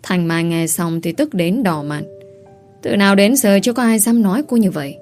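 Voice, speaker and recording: A woman's voice: medium pitch, lively intonation, moderate pace, a little mellow. Woman narrating a story over faint music.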